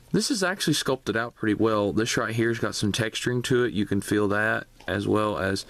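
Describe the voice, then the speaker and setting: A low-voiced man chats his way through a toy unboxing, addressing his viewers directly in a loose, casual way. A faint hiss sits under the recording. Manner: chatty, talks straight to viewers. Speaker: toy reviewer.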